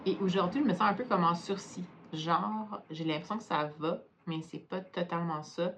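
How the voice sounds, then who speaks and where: A woman's voice: on the low side, moderate pace, fairly bright tone, a little hiss or hum. A tired woman with a Quebec French accent chatting hesitantly at home in a casual book vlog, with many fillers. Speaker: book vlogger.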